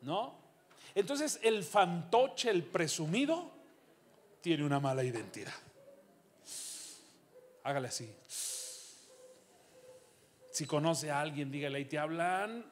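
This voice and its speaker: A high-pitched middle-aged man preaches a sermon in a church. He fires rhetorical questions at the congregation, then drops to low, confiding asides. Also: lively intonation, takes it slowly, pauses often, slight background noise. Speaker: pastor.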